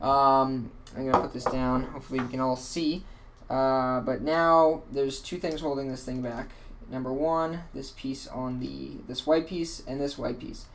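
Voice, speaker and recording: A man hosts a casual how-to tutorial, rambling offhandedly and correcting himself often, sounding tired and a little worn. His mid-range voice has fairly even intonation and a slightly slow pace, with slight background noise.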